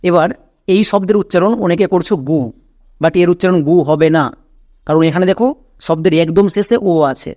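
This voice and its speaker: A man's voice: high-pitched, fairly even intonation, brisk, a little mellow, no echo, studio quality. A man with a Bangladeshi Bengali accent teaching English reading, explaining phonics rules step by step and checking that students follow. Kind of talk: recorded phonics lesson.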